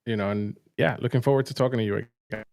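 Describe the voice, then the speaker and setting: A man's voice: mid-range voice, fairly even intonation, rapid-fire, darkish tone. Easygoing male co-host. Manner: easygoing, short replies. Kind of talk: casual chat.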